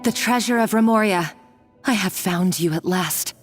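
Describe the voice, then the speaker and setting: An actress playing an obsessive, ruthless treasure hunter who speaks in a gloating, dramatic way. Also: female voice, mid-range voice, moderate pace, faint music behind, close to an everyday voice. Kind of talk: video game voice acting.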